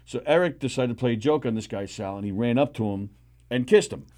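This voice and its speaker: A man's voice: medium pitch, animated, fast, a little mellow. A man co-hosting a comedy radio show who tells anecdotes with animation. His delivery stays casual and chatty.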